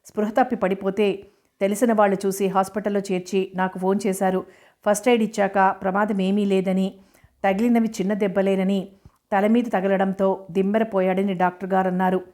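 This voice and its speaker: A woman voicing a calm, practical father explaining events to his family. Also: medium pitch, brisk, lightly acted. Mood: reassuring.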